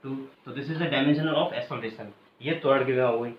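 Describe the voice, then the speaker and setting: Man teaching a class, quizzing students. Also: medium pitch. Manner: quizzes students, pausing for them to finish answers; repeats key terms slowly and patiently. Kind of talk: classroom physics lecture. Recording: echoey room, muffled, faint hiss.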